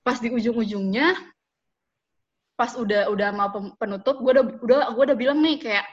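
A young woman, chatting and telling stories, quick to laugh. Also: fairly high pitch. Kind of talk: casual chat. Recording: dull lo-fi recording.

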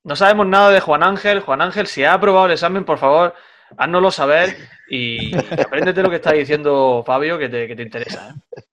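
Podcast host, talks super fast, jokey, kinda high voice. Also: male voice, fairly bright tone, dull audio. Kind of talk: casual chat.

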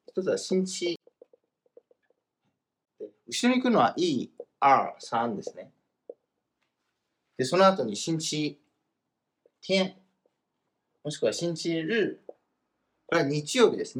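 A man teaching Chinese grammar in a casual, explanatory lesson, slowing down for the example phrases. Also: a little high. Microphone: voice message recording.

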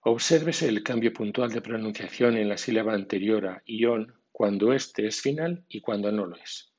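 A man teaching English pronunciation in a scripted podcast lesson, reading rules and word lists slowly and deliberately. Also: on the low side, darkish tone, slightly rough, lo-fi sound.

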